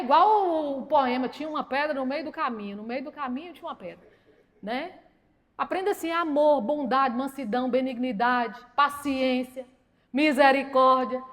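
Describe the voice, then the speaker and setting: A woman with a Minas Gerais accent, preaching a humorous testimony sermon at a church service and acting out the voices in her stories. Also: sits high. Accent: Minas Gerais Portuguese. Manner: lively storytelling that acts out quoted voices. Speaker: guest preacher.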